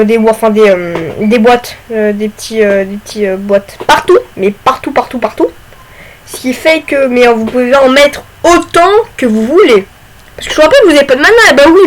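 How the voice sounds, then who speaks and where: A young woman casually talking through game tips, chatty and excitable with lots of fillers. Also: a little high. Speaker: gaming YouTuber. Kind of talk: casual gaming commentary.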